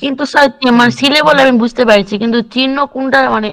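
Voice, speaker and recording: A student answering a teacher hesitantly in a live online class, halting with fillers. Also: sits high, fairly bright tone.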